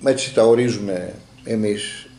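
A man's voice: on the low side, darkish tone, echoey room, slight background noise. A man telling a long story in casual group talk and acting out the dialogue as he goes.

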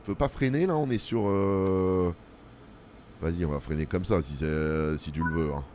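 A man with a fairly low voice talks his way through a video game in a loose, chatty commentary. He mutters running remarks to himself as he plays, and he keeps turning to his viewers with self-mocking asides. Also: normal speed, darkish tone, a little hiss or hum. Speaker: let's play host. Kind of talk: casual gameplay commentary.

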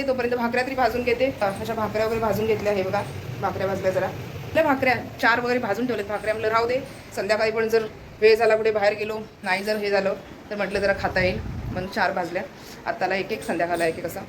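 A woman's voice: on the high side, slight background noise. A young woman chatting to viewers in a casual home vlog, showing her chores. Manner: chatty, addressing viewers directly. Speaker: vlogger.

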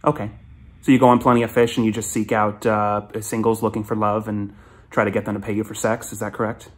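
A man's voice: on the low side, little pitch movement, fast. Guy on a gender swap filter doing a fake support lady on the phone, polite, lots of ums, voice changer makes it sound female. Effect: female voice changer on a phone call. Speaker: scam baiter on a prank call.

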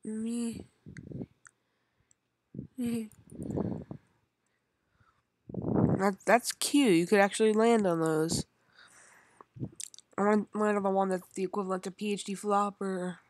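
A woman's voice: medium pitch, steady tone, normal speed, long pauses, noisy background. A young woman giving rambling, chatty commentary as she plays a video game, talking to herself and her viewers. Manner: chatty and rambling, talks to herself while playing. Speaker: gaming channel host. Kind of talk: casual gameplay commentary.

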